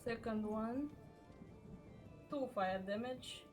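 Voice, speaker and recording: A woman's voice: fairly high pitch, slow pace, a little mellow, faint music behind. A woman playing a tabletop game over voice chat, hesitant and full of "uh"s as she rolls dice. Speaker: player.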